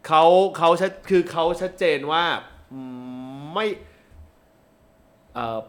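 A man chatting casually about politics, halting and restarting phrases as he gives his own view. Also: on the high side, fairly bright tone. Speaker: political talk show panelist.

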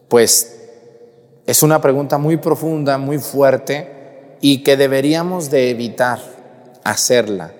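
A man's voice: mid-range voice, in a large hall. A man, a priest preaching a sermon in a conversational way, with rhetorical questions to his congregation.

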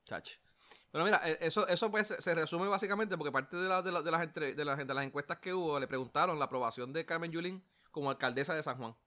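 A man's voice: a little high, quick pace, sharp tone. A man with a Puerto Rican accent co-hosting a casual political chat, slangy and rambling with many restarts. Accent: Puerto Rican Spanish. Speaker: podcast co-host.

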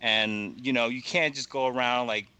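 Young male podcast guest, forceful bright tone, casual and meandering, lots of "you know". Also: mid-range voice, fairly even intonation, smooth, dry recording. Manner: rambling, halting, heavy fillers and swearing.

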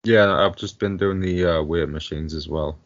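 A very deep, smooth man chatting on a podcast, flat and monotone, chuckling now and then. The sound is dry and a little dull, as on an online call. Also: moderate pace, dry recording. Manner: laid-back, chuckles often. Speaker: podcast co-host. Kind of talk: casual chat. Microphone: online call mic.

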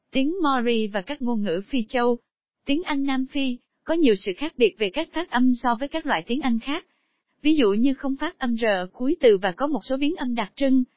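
A woman reading a scripted narration at an even, steady pace, stumbling over English terms. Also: sits high, no echo. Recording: dull lo-fi dry recording.

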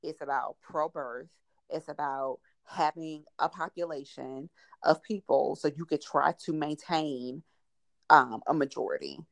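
A woman's voice: sits low, fairly even intonation, unhurried, vocal fry, dry recording. A woman hosting a casual podcast, frank and colloquial with emphatic delivery. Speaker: podcast host.

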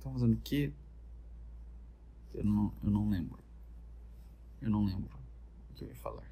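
A man's voice: on the low side, very animated, moderate pace, gravelly, mellow. A man with a Brazilian Portuguese accent rambling through comedic, profane reality-show commentary. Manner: rambling, profane, jokey storytelling. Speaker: vlogger.

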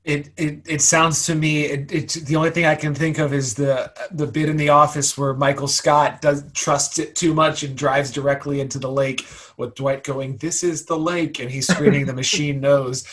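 Wry male podcast co-host, higher voice. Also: flat delivery, moderate pace, hardly any pauses, a bit bright. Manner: wry, joking. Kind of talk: casual chat and show outro.

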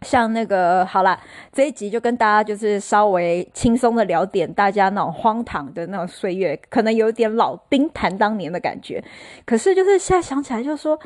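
A middle-aged woman hosting a casual solo podcast, telling stories in a chatty, animated way. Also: mid-range voice, fairly quick, no room sound. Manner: chatty, animated storyteller who mimics others. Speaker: podcast host.

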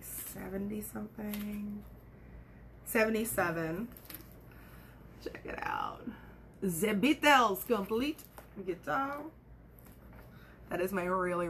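A woman's voice: mid-range voice, vocal fry, slight background noise. A young woman vlogging at home with her cat, chatting casually in a rambling, giggly way and swearing now and then. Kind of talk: casual chat to the camera.

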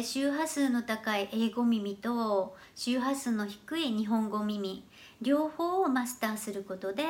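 A woman giving an earnest, explanatory lesson about learning English pronunciation. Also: on the high side. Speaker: English teacher. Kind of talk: educational talk to camera.

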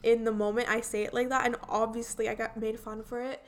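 This young woman from India speaks with a light Indian accent, her voice fairly high and quick with little pitch movement and a slight hiss or hum in the audio. She chats casually about her own experiences, her talk full of "like"s and restarts.

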